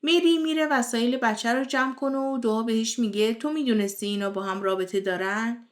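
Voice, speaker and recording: A woman with a fairly high voice tells the plot of a television drama. She reads from a script in a steady storyteller's manner and passes on each character's lines as reported speech. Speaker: series recap host. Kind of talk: scripted narration retelling a TV series.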